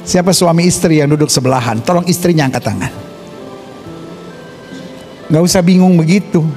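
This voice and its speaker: A male pastor giving a lively sermon, asking the congregation questions and acting out small scenes in put-on voices. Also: fairly high pitch, normal speed, soft background music.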